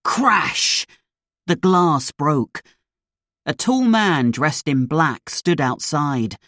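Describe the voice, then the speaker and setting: A narrator reading a graded storybook slowly and clearly, each sentence placed with care. The voice sits at a middle pitch and is recorded close and dry, with no room sound. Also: very animated, a bit bright, no room sound. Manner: slow, clear, deliberate reading.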